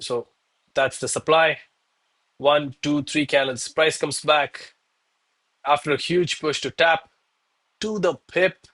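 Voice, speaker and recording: Guy on a live trading stream, kinda high voice, gym bro talk, chatting casually w the viewers. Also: fairly even intonation, takes it slowly, long pauses, fairly bright tone. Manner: bro-heavy, hyped gym-bro style talk; informal, addresses viewers as bro, man, guys. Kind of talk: casual livestream commentary to chat.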